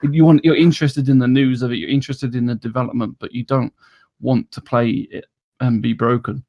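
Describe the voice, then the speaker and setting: Male podcast co-host, relaxed and casual, a bit jokey. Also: medium pitch, brisk, vocal fry, lo-fi sound.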